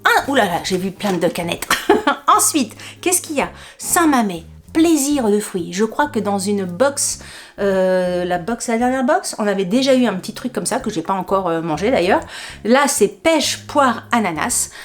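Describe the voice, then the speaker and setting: A woman vlogger chatting casually to her viewers as she unpacks a food box, rambling, laughing often, and jumping up in pitch when surprised. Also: lively intonation, normal speed. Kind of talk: casual unboxing chat to camera.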